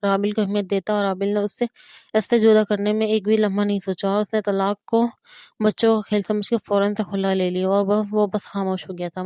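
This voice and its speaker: A woman narrating a romance audio novel with steady storytelling. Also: mid-range voice, smooth, no room sound.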